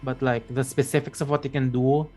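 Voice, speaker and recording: A man acts as game master for a tabletop game, explaining scenes casually. His middle-pitched delivery is informal and halting, with music faintly behind it. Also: flat delivery, darkish tone.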